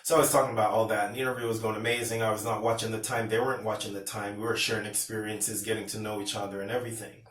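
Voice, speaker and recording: A man's voice: lowish voice, little pitch movement, racing, hardly any pauses, a bit bright. A man from Pennsylvania telling a personal story to camera in a casual, rambling way, with restarts and retold dialogue. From Pennsylvania, USA. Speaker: vlogger. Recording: roomy, distant from the mic.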